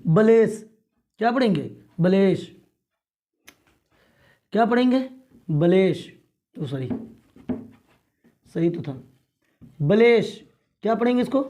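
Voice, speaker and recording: A male teacher drilling pronunciation in class, repeating each word and asking again and again how to read it, often clearing his throat. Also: high-pitched, expressive, takes it slowly, pauses often, warm tone.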